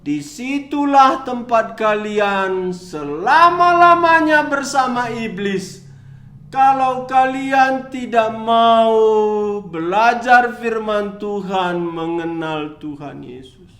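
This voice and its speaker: High-voiced slow children's Bible storyteller. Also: male voice, echoey room. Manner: emphatic, questioning the children.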